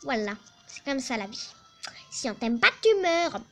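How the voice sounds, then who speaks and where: A woman giving casual, excitable let's play commentary, chatting to her team and swearing at opponents. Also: on the high side, moderate pace, vocal fry, soft background music.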